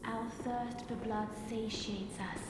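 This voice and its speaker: An actress playing a devout cult zealot in a video game, murmuring a repetitive, solemn prayer like a chant. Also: female voice, a little high, fairly even intonation, slow pace. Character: devout female cult church zealot praying a bloodthirsty mantra. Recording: echoing cavernous hall, noisy game audio.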